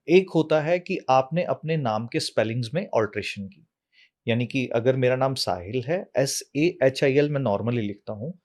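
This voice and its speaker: A man, an astrology expert, explaining at length in an interview, calmly and like a teacher, asking questions and then answering them himself. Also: medium pitch. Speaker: astrology and numerology guest expert.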